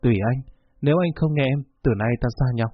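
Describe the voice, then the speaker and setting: A man's voice: fairly high pitch, animated, a little fast, slightly rough, dry recording. A man voicing a sick young woman who is desperate yet resolute, speaking earnestly. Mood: firm. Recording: dull lo-fi recording with faint music.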